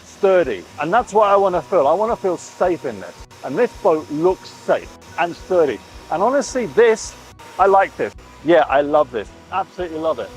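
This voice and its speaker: Touring the inside of his catamaran as it's built at a boatyard, a middle-aged owner chats enthusiastically in a casual vlog, oohing and admiring every detail. His voice sits on the high side, and the audio is poor.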